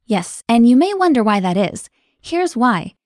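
A woman co-hosting a scripted language lesson podcast, explaining clearly and brightly. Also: a little high, sing-song, measured pace, dry recording, clean studio sound.

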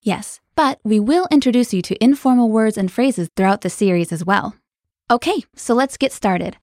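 A woman's voice: on the high side, normal speed, a little mellow, dry recording. Cheerful woman teaching in a dry studio. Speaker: language lesson co-host. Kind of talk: scripted podcast lesson.

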